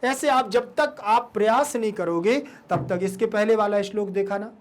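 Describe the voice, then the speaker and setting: A teacher patiently explaining a Sanskrit verse and drilling its pronunciation word by word with students. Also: medium pitch. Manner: slow, patient, addresses students as "बेटा".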